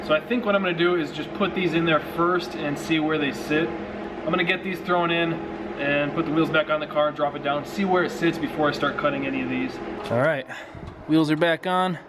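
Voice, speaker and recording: A man's voice: a little high, fairly even intonation, brisk, very noisy. A man in his thirties talking casually in frat-bro slang with easy swearing, vlogging from a garage workshop on a handheld camera. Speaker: host of a car project vlog. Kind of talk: casual garage vlog talk. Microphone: handheld camera at arm's length.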